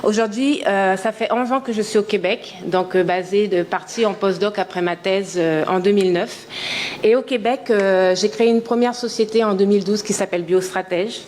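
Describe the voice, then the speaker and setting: A woman's voice: medium pitch, normal speed, darkish tone, slight background noise. A woman in her thirties from French Guiana, an entrepreneur giving a conference talk, speaking earnestly and with enthusiasm, with frequent hesitations. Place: conference hall.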